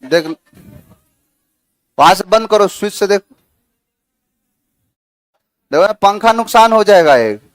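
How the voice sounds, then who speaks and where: A man's voice: high-pitched, expressive, slow, pauses often, no echo. A man teaching English vocabulary to a class, chatty and coaxing, repeating words and using playful memory tricks. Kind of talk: classroom lecture.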